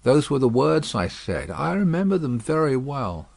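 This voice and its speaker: A man voicing a frail, haunted old male prisoner who speaks in halting, wondering, broken phrases. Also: mid-range voice, sing-song, vocal fry, a little mellow, dry recording. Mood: remembering.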